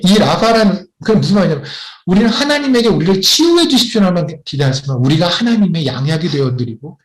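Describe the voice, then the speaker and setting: A male missionary delivers a sermon in a voice pitched a little high. His intonation rises and falls widely as he moves from a personal story to pointed questions. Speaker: missionary preacher.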